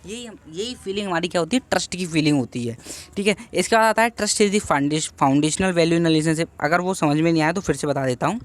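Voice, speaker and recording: Young male tutor with a slightly high voice, relaxed exam-prep lecture, reads English points slowly and then unpacks them. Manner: explains each point with rhetorical questions. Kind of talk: casual exam-revision lecture.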